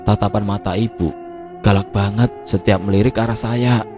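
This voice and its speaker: Man reading as a soft-spoken old becak driver, Javanese accent, deep low voice, music behind. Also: fairly even intonation, normal speed, natural voice. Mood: humble. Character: humble older male becak driver, gentle.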